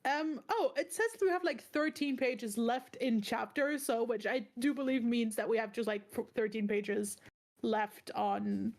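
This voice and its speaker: A young woman co-hosting a casual book podcast, her voice sitting a little high. She is bubbly and giggly, with plenty of fillers and restarts. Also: a little slow. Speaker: podcast co-host. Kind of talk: casual chat.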